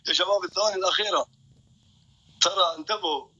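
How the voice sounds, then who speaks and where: A man's voice: high-pitched, sharp tone, slightly rough, highs cut off. A young man hosting a live stream. He jokes, boasts and keeps calling out to his viewers.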